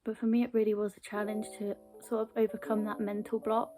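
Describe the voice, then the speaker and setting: This video blogger is a young British woman with a mid-range voice, a level tone and a quick pace. Talking to camera in a relaxed, personal way, she sounds earnest, and a mild stammer leads her to repeat little words at times. Background music runs underneath.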